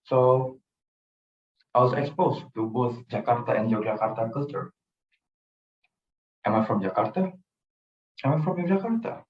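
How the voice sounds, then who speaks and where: A man's voice: medium pitch, normal speed, long pauses. A young man from Indonesia gives an earnest personal presentation, telling his story and often repeating phrases. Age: young adult. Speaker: student presenter. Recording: roomy, distant, dull sound.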